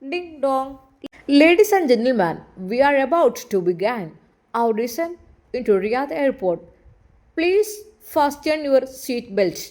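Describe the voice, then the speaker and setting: A woman playing a slow, formal flight attendant. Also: high voice, sing-song, darkish tone, full character voice. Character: polite female flight attendant on the intercom.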